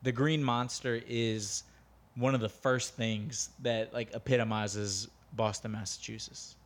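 A man's voice: medium pitch, steady tone, measured pace. An American man co-hosting a podcast, opinionated and blunt, swearing freely in casual banter. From United States. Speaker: podcast co-host.

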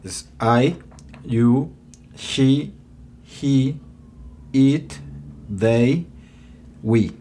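A man's voice: medium pitch, warm tone, a little hiss or hum. A man acting as the student in an English lesson podcast, answering questions and repeating words carefully. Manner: slow, careful, a little hesitant. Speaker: student co-host.

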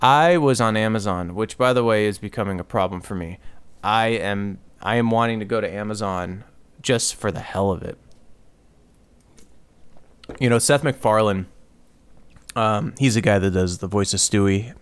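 A man's voice: on the low side, moderate pace, long pauses, smooth. A man hosting his own solo podcast, rambling and sarcastic, with plenty of complaining asides. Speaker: podcast host.

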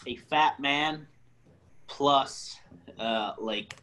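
A man of middle pitch chatting casually with friends. He stumbles and restarts often, fills gaps with fillers and chuckles through his own anecdotes. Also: pushed and bright. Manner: halting, many restarts and fillers, laughs at his own stories. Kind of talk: casual chat.

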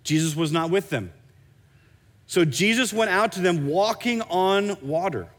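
A man preaching a sermon as pastor, animated, often stumbling and repeating words as he restarts a thought. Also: sits high, a little slow, in a large hall.

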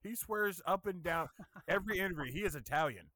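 A man's voice: high voice, animated, brisk, pushed and bright, dry recording, clean studio sound. A man hosting a podcast in casual banter, teasing his co-host and asking the guest questions.

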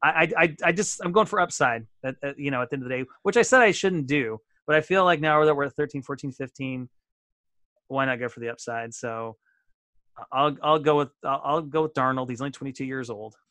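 A man's voice: mid-range voice, fairly quick, pushed and bright, no echo. A man co-hosting a casual sports podcast, chatty and self-deprecating, often restarting his sentences. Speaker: podcast co-host.

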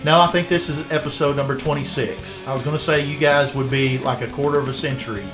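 A man's voice: mid-range voice, fairly even intonation, fast, reverberant, over music. A man hosting a podcast in casual, joking chat, with a playful, teasing way of talking. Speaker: podcast host.

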